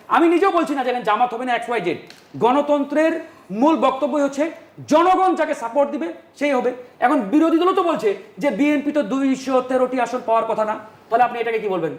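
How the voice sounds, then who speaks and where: Male panel guest, very high voice, fast, combative debater in an echoey studio. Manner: forceful, insistent, talks over the host. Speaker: talk show guest. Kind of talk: heated political debate.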